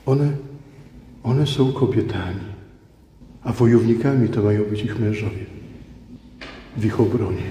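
A middle-aged male preacher with a fairly low, mellow voice gives a sermon built on personal anecdotes, sounding conversational and emphatic and repeating phrases for effect. He's indoors in a large church, where the hall echoes and background noise can be heard.

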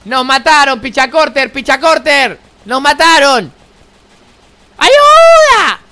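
The audio is very noisy as a high-voiced gaming streamer in his twenties, Argentine by accent, animatedly mocks and teases other players in voice chat at normal speed.

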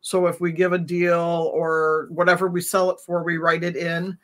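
A middle-aged woman on a video call from home, calmly explaining her routine step by step as an interview guest. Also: fairly low pitch, moderate pace. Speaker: reptile vendor guest. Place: home room. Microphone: webcam on a video call.

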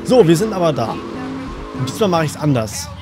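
A man's voice: on the high side, sing-song, a little fast, over music. A young man with a German accent giving casual, crude, joking let's-play commentary to his viewers. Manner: joking, crude, talks to viewers, sings along.

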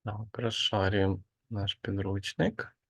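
Slow, gravelly male language teacher. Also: fairly low pitch, little pitch movement, a bit bright. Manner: slow, patient explaining with hesitant fillers. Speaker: Spanish teacher. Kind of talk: online grammar lesson.

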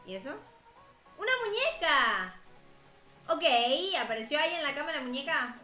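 A woman's voice: high voice, bright, forceful tone, reverberant, soft background music. A woman, chatting and joking while reacting to a cartoon story. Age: 20s. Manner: chatty, amused, quick asides. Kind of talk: casual reaction commentary.

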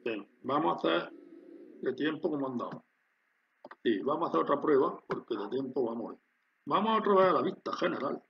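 Man narrating a screen tutorial, slightly high voice. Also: lively intonation, brisk, gravelly, pauses often. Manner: explanatory, addresses viewers with frequent "¿vale?". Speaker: instructor demonstrating a factory simulation. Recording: dull lo-fi sound with faint hiss.

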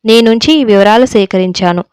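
A woman's voice: mid-range voice, fairly quick, darkish tone, clean tone, dry recording, lightly acted. A woman voicing a fed-up, defiant young daughter-in-law who speaks heatedly in a storybook reading.

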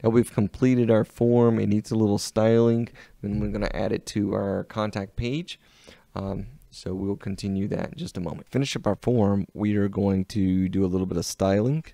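A man with a Southern US accent giving an unhurried, step-by-step walkthrough of a web design tool in a screen-recorded tutorial. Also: on the low side, fairly even intonation, vocal fry, dark tone, dry recording, clean studio sound.

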